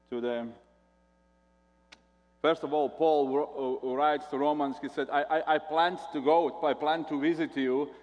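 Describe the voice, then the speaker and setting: A Latvian man with a Latvian accent preaches a sermon as a guest pastor, speaking haltingly and often repeating words. His mid-range voice comes through lo-fi with a long reverb tail.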